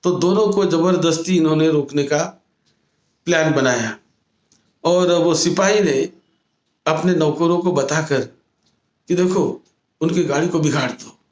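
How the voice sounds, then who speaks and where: Man, Buddhist monk, storytelling sermon, higher-pitched voice, roomy echo. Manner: slow, repetitive storytelling with restated phrases.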